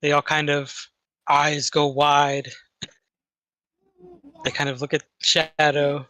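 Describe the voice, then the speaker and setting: A man's voice: a little high, monotone, takes it slowly, bright, forceful tone, no room sound. A man running a tabletop game as game master, narrating scenes in an improvised way.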